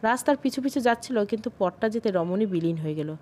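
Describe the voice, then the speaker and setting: A woman's voice: mid-range voice, lively intonation, fast, a little mellow, a little hiss or hum. Woman narrating an audio story.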